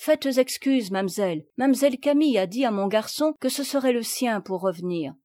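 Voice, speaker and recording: A woman's voice: fairly high pitch, lively intonation, normal speed, warm tone, close to an everyday voice. A woman reading aloud and voicing a good-natured peasant father who talks in a soothing, rustic way. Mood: reassuring.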